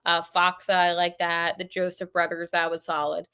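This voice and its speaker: A woman hosting a sports podcast, talking casually and with strong opinions, full of fillers and quick asides. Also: lowish voice, monotone, sharp tone, smooth, no echo, studio quality. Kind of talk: casual solo podcast commentary.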